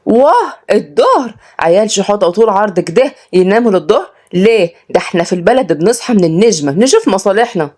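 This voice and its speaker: A woman's voice: mid-range voice, lively intonation, fast talker, few pauses, close to an everyday voice. Woman doing a fierce Upper Egyptian nanny. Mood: puzzled. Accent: Upper Egyptian Arabic. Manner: blunt, scolding, sharp-tongued.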